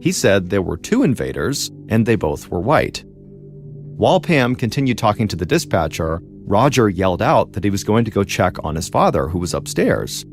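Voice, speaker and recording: A man hosting a podcast, telling a true crime story in a measured, dramatic way with pauses. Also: lowish voice, sing-song, soft background music. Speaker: podcast host and narrator.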